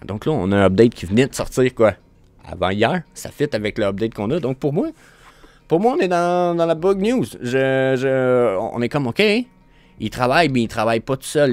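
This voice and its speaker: This show host, a man with a Québécois French accent, rambles through casual screen-share commentary, stumbling and restarting often. His mid-range voice is a little mellow, with no echo.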